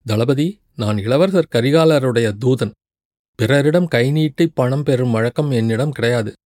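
A brash young warrior envoy, as a male narrator puts him on, pouring out quick, sharp complaints in an audiobook. The voice sits at an ordinary male pitch, recorded close and dry. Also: no echo, close to an everyday voice. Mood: indignant. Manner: rapid, scolding torrent of words.

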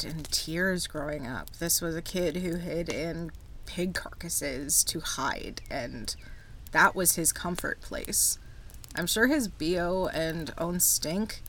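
Female true crime narrator for a podcast, slightly low register, scripted storytelling with informal asides, light background noise. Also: a bit bright, rough recording.

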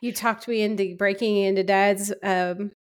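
A woman with an Appalachian accent speaks at a medium pitch. She tells memories casually and haltingly, feeling her way through each story. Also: steady tone, clean tone. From Eastern Kentucky, United States. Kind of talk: casual reminiscing.

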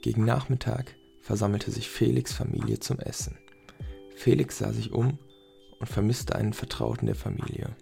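A man reading a story aloud in a plain, even narrating manner. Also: lowish voice, normal speed, vocal fry, soft background music.

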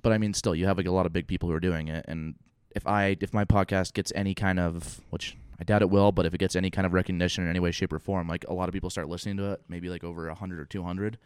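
Casual podcast host, man, low and nasal, quick and rambling, crisp dry studio sound. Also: fairly even intonation, dry recording. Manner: fast, rambling, lots of fillers and restarts. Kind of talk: casual chat. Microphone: studio microphone.

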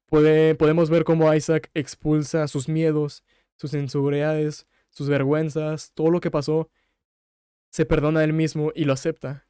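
A man's voice: a little high, dark tone, smooth, dry recording, clean studio sound. A young Mexican man hosting a casual solo podcast, retelling a story with emotion and some swearing. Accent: Mexican Spanish. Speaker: podcast host.

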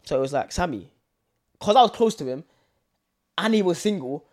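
A man's voice: on the high side, lively intonation, moderate pace, darkish tone. A man in his twenties with a London and Essex urban British accent, chatting casually in heavy slang, insistent and repeating himself. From Essex, England. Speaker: reality show contestant, interview guest.

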